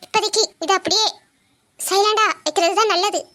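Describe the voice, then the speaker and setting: A woman playing a sly younger sister who plots quietly in a family drama skit. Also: very high-pitched, fairly even intonation, brisk. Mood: scheming. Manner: sly, plotting.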